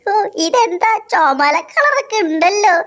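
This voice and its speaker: A woman's voice: very high-pitched, sing-song, measured pace, fairly bright tone, heavily acted. A woman voicing a cheeky, chatty little boy puppet in a miniature-toy cartoon.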